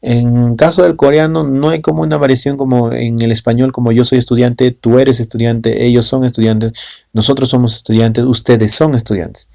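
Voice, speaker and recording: A man's voice: mid-range voice, flat delivery, normal speed, vocal fry, a little mellow, no echo, studio quality. A man teaching a language lesson in a casual way in Spanish with a Latin American accent, often adding tag questions and fillers.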